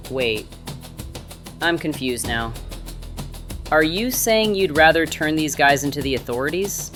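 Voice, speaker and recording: An actor playing a demanding, bewildered young friend in a film drama. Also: male voice, fairly high pitch, animated, a little slow, music in the background. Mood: pressing.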